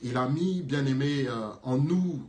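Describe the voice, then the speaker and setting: A man's voice: mid-range voice, measured pace, a little mellow. Brief: earnest male preacher with a mid-range voice, echoey room. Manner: earnest, affirming, pastoral.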